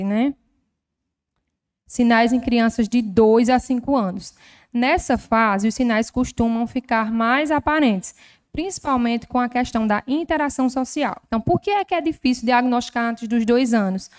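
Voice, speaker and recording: Speaking in a slightly high, smooth voice, a health professional with a Northeastern Brazilian accent lectures at a formal session in a legislative chamber. She walks through things step by step, stacking up everyday examples in a gently didactic tone.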